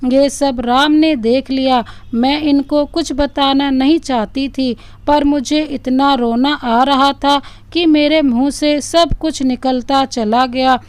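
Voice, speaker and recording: Woman doing a young girl pleading through tears, high and smooth, slow. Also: steady tone, a little mellow, no echo. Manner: pleading, confessional. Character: young woman, tearful pleading sister-in-law.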